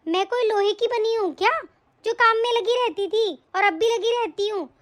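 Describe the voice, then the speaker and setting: A woman's voice: very high voice, moderate pace. A woman voicing a lazy, quarrelsome elder daughter-in-law in a cartoon story, whiny and always complaining. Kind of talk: cartoon voice acting.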